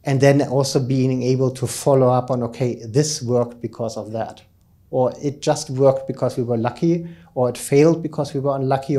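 Into a handheld microphone at an indoor lectern, a middle-aged researcher speaks as keynote presenter in a conference lecture room, informal and explanatory. His voice has a medium pitch and a dark tone.

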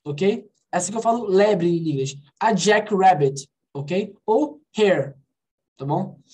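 A woman's voice: mid-range voice, lively intonation, slow pace, darkish tone. A Brazilian woman teaching an online English class, switching between Portuguese and English and checking understanding with frequent "alright?" and "ok?".

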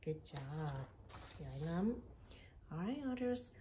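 Slow, patient woman teaching children. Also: deep voice, very animated, mellow, a little hiss or hum. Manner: patient, repeats words for pupils to echo. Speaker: language teacher. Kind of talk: slow language lesson for children.

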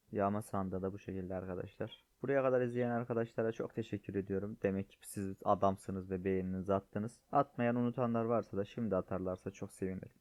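A man's voice: lowish voice, darkish tone, no echo. A man who is sick and strained, chatting casually to viewers while showing off game items. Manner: chatty, addresses viewers as friends. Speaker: gaming YouTuber. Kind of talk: casual gameplay commentary. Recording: dull, lo-fi dry sound.

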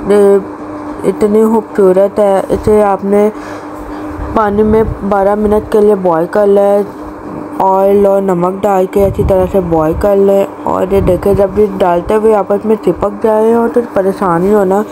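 Woman giving a home recipe voice-over. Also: mid-range voice. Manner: plain step-by-step instructions with small restarts. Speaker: cooking channel host. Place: home kitchen. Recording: noisy home recording.

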